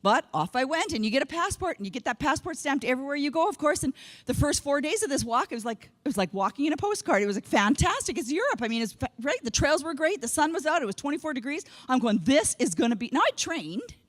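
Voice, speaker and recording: On a conference hall stage, a keynote speaker from Canada, a woman in her 50s, gives a comedic talk in which she pokes fun at herself and acts out voices for herself and her relatives. She speaks quickly in a high, sing-song voice.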